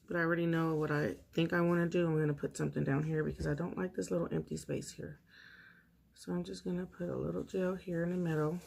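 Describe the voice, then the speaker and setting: A woman with a slightly low voice talks casually to her viewers while doing her nails at home. She is relaxed and chatty, narrating each step as she works. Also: vocal fry. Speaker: nail art vlogger. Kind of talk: casual tutorial chat.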